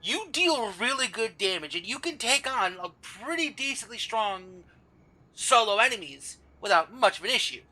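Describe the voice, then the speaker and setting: A man's voice: sits high, animated, moderate pace, pushed and bright, rough recording. A tired man talking through a game class in a casual guide voice-over, rambling and often stopping to correct himself. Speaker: gamer explaining a game class.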